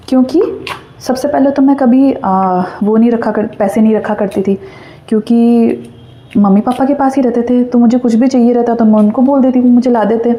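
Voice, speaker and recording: A woman's voice: fairly high pitch, slight background noise. A young woman casually telling a personal childhood story to her viewers, chatty and full of fillers. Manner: chatty, animated retelling with many fillers. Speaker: storyteller vlogger.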